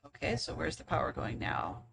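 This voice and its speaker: A woman's voice: fairly quick, noisy background. A woman casually talking to herself as she works through a puzzle game on a live stream, with dry sarcastic asides.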